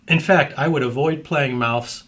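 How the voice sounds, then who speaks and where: A middle-aged man teaches drum rudiments in a calm instructional tone. His voice sits in a middle pitch, neither high nor low. He breaks things down step by step and often checks that the listener is following. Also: measured pace. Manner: explanatory, repeatedly checks in with "right?".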